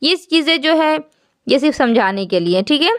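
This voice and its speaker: A woman with a slightly high voice teaches an online class. She explains each point patiently and keeps asking her students questions as she goes. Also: animated. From Jammu, India. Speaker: Quran recitation teacher.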